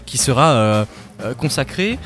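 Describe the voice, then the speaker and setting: A man's voice: medium pitch, very animated, measured pace, fairly bright tone, faint music behind. A young man hosting a casual podcast, joking with his co-hosts and stumbling over fillers as he goes. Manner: playful, hesitant with many fillers. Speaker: podcast host.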